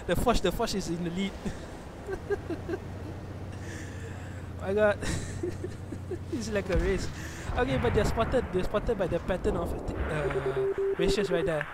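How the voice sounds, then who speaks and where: A young Malaysian man with a Malaysian accent commentating a live online tournament match, excitable and often correcting himself mid-phrase. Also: high voice, moderate pace, few pauses. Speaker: esports stream commentator. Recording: noisy background hum.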